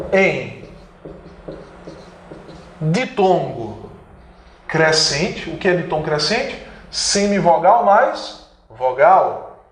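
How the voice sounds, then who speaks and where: A slightly high male voice comes through with a roomy sound and a little hiss or hum. With a Brazilian Portuguese accent, he runs an emphatic online grammar lesson for exam prep, stretching out key words and asking and answering his own questions.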